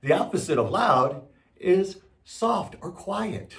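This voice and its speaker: Lively, slow-spoken male music teacher. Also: high voice, roomy sound, far from the mic. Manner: upbeat, coaxing call-and-response. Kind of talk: follow-along class lesson.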